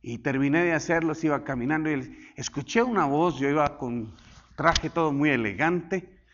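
A male pastor preaching a sermon, swinging from loud declarations to hushed asides and having the congregation repeat after him. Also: a little high, normal speed, highs cut off.

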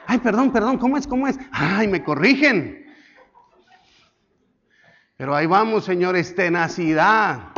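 A fairly high-voiced man with a Colombian accent preaches to his congregation, hammering on repeated words and having the listeners say them back. He slips into quick little acted scenes with changing voices. The recording sounds dull and lo-fi. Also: fairly bright tone. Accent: Colombian Spanish. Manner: repetitive, exhortative, calls the congregation to repeat words. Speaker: pastor. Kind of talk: sermon.

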